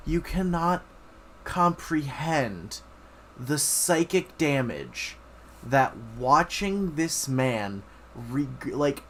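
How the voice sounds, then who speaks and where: A man's voice: mid-range voice, fairly bright tone, a little hiss or hum. A man streaming casual reaction commentary, swearing freely and talking in sardonic, exaggerated exasperation. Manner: profane, hyperbolic, exasperated, sardonic.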